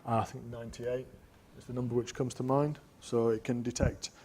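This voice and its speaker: A man's voice: medium pitch, level tone, brisk, darkish tone, husky. A man answering audience questions as a conference presenter, direct and confident in his explanations. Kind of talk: technical Q&A answers.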